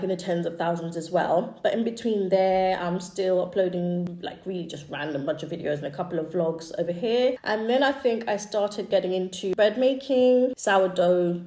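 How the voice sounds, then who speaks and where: A Swahili-speaking East African woman in her thirties casually chats as a YouTuber, walking through her own channel history in a screen-share with fillers and quick asides. Her voice is on the low side and warm, recorded in an echoey room.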